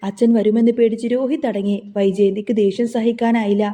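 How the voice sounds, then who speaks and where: A woman telling a family drama story in a steady, measured way. Her voice sits fairly high and sounds soft and mellow. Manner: steady narration. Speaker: narrator. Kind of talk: storytelling recap of a serial episode.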